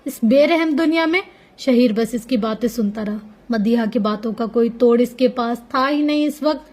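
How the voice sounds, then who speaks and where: A woman reading a romance novel aloud as an audiobook narrator, in steady storytelling. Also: on the high side, normal speed.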